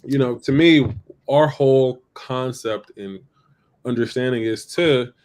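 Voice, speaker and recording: A man's voice: medium pitch, a little slow, a little mellow. A man co-hosting a podcast, talking loosely through his ideas, repeating himself and checking in with "right?". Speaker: podcast co-host. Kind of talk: casual chat.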